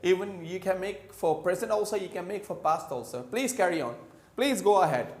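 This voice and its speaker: A man teaching an English grammar lesson, switching between Urdu and English and drawing out each English example slowly, word by word. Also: high-pitched, expressive. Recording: echoey room.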